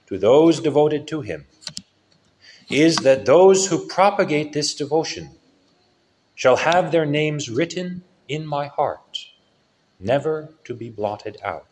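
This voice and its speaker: A male priest giving a solemn sermon with a lively rise and fall in his preaching. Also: on the high side, slight background noise. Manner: slow, solemn preaching with lively rises and falls.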